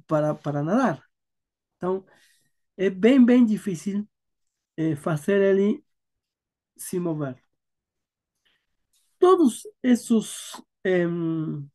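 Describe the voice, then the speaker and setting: A native Spanish speaker giving an explanatory lecture in halting Portuguese mixed with Spanish words, searching for terms. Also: mid-range voice, mellow. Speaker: horse-handling instructor.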